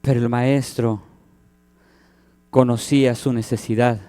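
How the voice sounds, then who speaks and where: A man's voice: medium pitch, level tone, a little slow, warm tone. A man, preaching a sermon as pastor, who acts out the cries and quoted voices in his story.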